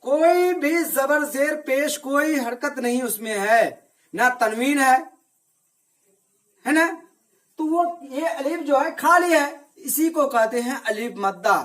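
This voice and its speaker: A man teaching an Arabic reading and religious lesson to children. He asks questions, answers them himself, and repeats each point slowly. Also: very high voice, fairly bright tone. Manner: slow, repetitive drilling.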